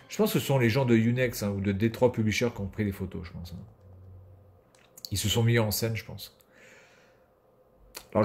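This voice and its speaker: A man's voice: mid-range voice, a little mellow. A man giving casual video game commentary as a streamer, sarcastic and swearing freely.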